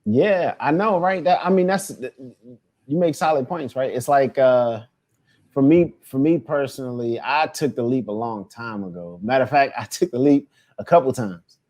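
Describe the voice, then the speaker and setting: A man's voice: mid-range voice, normal speed, a little mellow. A man in his thirties hosts a casual podcast chat. He talks in a loose, rambling way, full of fillers and restarts. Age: 30s. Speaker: podcast host.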